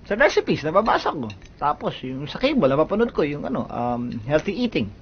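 An actor playing a quiet, shy man who loves cooking and gets defensive, in a film drama. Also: on the high side, sing-song, fairly quick, dull audio, a little hiss or hum. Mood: earnest.

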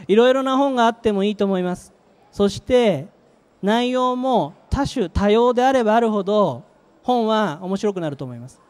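Speaking at a normal speed, a middle-aged man with a high, expressive and darkish voice presents a product live at a trade show. He is a company manager on an exhibition stage, using slides and delivering short, emphatic phrases into a handheld microphone.

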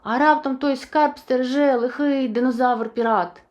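Жінка озвучує боязкого, обережного маленького динозаврика-хлопчика з казки, говорить стурбовано й нерішуче. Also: female voice, sits high, steady tone, moderate pace, a little mellow, highs cut off, close to an everyday voice. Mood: worried. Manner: worried, hesitant. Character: timid cautious little boy dinosaur.

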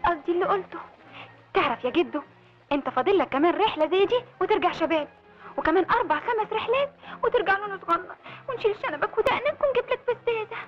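A woman's voice: very high-pitched, lively intonation, fast. An actress with an Egyptian Arabic accent playing a playful young woman who teases an old man sweetly. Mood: teasing. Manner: teasing, sweet. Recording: dull old film soundtrack with music.

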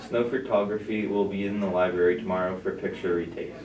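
Give me a deep-voiced young man announcing over a loudspeaker. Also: a little fast, roomy sound, distant mic, crowd noise, low-quality recording. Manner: steady, plain reading. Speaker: student announcer. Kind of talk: reading morning school announcements.

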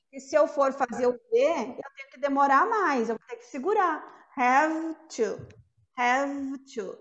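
A woman teaching an English pronunciation lesson, patiently saying each word slowly and more than once to model the sounds. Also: sits high, animated, a bit bright, lo-fi sound. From Brazil.

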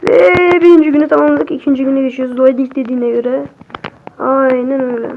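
Casting: young woman gaming streamer, high voice, excitable, chatty, slightly muffled mic. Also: a little fast, vocal fry, background noise. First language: Turkish. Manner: excitable, talks to viewers, swears at the game. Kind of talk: casual horror game commentary.

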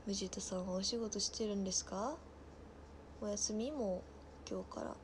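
A woman in her twenties with a Nagasaki dialect, chatting casually on a livestream and reading viewers' comments aloud, often trailing off into soft mutters. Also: medium pitch, normal speed, noisy background. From Nagasaki, Japan. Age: 20s. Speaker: livestream host.

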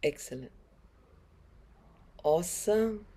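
Woman, middle-aged, North Indian accent, yoga instructor, encouraging, slightly low pitch, very relaxed tone. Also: slow, slightly rough. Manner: encouraging, instructing in short phrases. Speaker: yoga teacher. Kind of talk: guided online class instruction. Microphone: facing camera, head-and-shoulders webcam framing.

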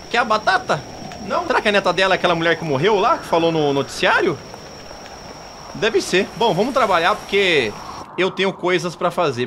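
A Brazilian man giving excitable, slangy let's play commentary as a gaming youtuber. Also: high voice, slight background noise. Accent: Brazilian Portuguese.

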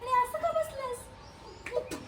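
A woman's voice: extremely high pitch, steady tone, unhurried. A young woman acting in an improvised comedy skit as a city girlfriend, pleading and exasperated. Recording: echoey distant mic with background noise.

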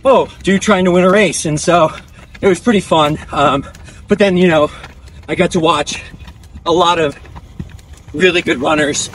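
Higher-voiced young man talking while jogging. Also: moderate pace, pauses often, a bit bright, slight background noise. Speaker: professional distance runner being interviewed. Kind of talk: casual chat while running. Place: outdoors on a dirt country road, on the move.

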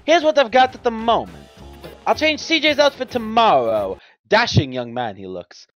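A woman voicing an excitable young woman artist in a fan voice-over of chat messages, giggly and gushing. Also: on the high side, normal speed, soft background music. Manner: giggly, gushing, bursts into squeals.

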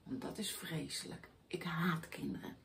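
A woman voicing a grumpy, greedy male schoolteacher who hates children, boastful and scornful, in a high, loud voice. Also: moderate pace, gravelly, a little hiss or hum, exaggerated voice. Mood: scheming.

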